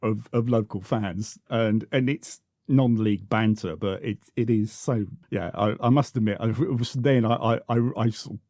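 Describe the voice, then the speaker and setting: A man's voice: lowish voice, fairly even intonation, normal speed, hardly any pauses, a little mellow, no room sound, studio quality. A man, reminiscing as a podcast guest, full of restarts and repeated words. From South London, England. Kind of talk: reminiscing conversational interview.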